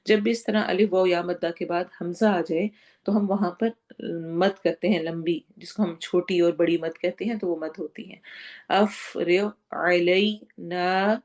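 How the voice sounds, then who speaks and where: Woman teaching tajweed, kinda low voice, breaks each word down slow, throws in english words. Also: fairly even intonation, warm tone. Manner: explains word by word, drawing out recited words slowly; mixes English words into Urdu. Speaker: Quran teacher. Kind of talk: Quran lesson with tajweed and translation.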